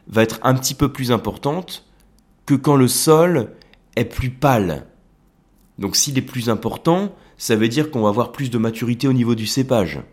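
A man's voice: on the low side, a little mellow. A man hosting an educational wine podcast, explaining at length in a casual, hesitant way with many fillers.

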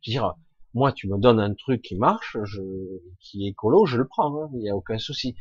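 A man with a husky, raspy voice speaks informally and emphatically to an audience, using rhetorical questions and coarse slang in an opinionated monologue. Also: medium pitch, animated, fairly quick, no room sound. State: throat scratchy with occasional coughing. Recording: dull, lo-fi close recording.

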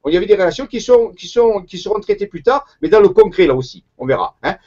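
A man with a warm southern French Marseille accent talks through an interview in a fairly high voice. He hesitates often, circling back and restarting his sentences. The recording sounds dull and lo-fi. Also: very animated, fast talker. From Marseille, southern France. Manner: hesitant, many fillers and restarts. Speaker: guest researcher. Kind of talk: conversational interview.

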